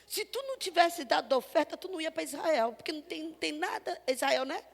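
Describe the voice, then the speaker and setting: A woman with a Brazilian Portuguese accent preaching a sermon at a church, telling the story lively and acting out the dialogue, swinging from loud to soft. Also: sits high, fast talker, gravelly, long reverb tail.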